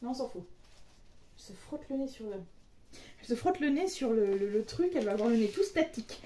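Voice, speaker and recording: Playful, chatty woman with a mellow tone. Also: on the high side, animated, fairly quick, a little hiss or hum. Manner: chatty, playful, laughs often, jokes and invents words. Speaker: diamond painting vlogger. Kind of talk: casual unboxing chat.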